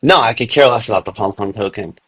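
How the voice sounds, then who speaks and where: A man's voice: fairly low pitch, fast talker, fairly bright tone. Laid-back young man saying "dude". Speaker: podcast host. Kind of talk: casual crypto chat.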